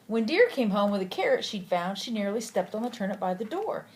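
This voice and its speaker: A sweet old lady, a grandmother, reading a picture book aloud gently and affectionately, with asides to a child. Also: mid-range voice, sing-song, brisk. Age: older. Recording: clearly noisy home recording.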